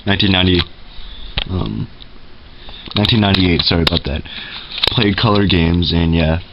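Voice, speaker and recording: A man with a deep, low voice talks casually through his collection at home, stopping often for fillers and quick self-corrections. The sound is dull and lo-fi, with loud noise over it from the camera's built-in mic. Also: fairly even intonation. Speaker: game collection vlogger. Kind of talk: casual show-and-tell vlog. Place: room in a home.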